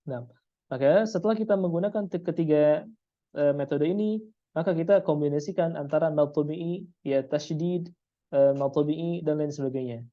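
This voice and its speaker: A man teaching Quran recitation, drilling Arabic letter sounds slowly and dropping a filler "ya" between phrases. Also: on the high side. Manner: peppers sentences with a filler "ya". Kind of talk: online lesson on Arabic letter pronunciation. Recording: dull lo-fi recording.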